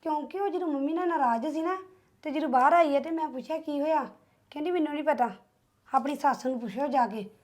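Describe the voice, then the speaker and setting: A woman playing a high-voiced young Punjabi wife. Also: fast talker, darkish tone, close to an everyday voice. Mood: defensive. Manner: defensive, probing, suspicious.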